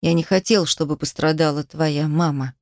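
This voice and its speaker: A woman's voice: medium pitch, normal speed, no echo, studio quality, natural voice. A woman voicing a young man who speaks with irritation and a sneer. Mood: contemptuous. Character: young man, the ex-fiancé, cold and contemptuous.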